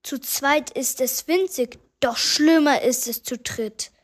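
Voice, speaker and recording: Woman as an exasperated grandma, high and unhurried, lamenting in rhyme. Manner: rhyming, exclaiming lament. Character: exasperated old grandmother, complaining. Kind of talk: rhyming story reading.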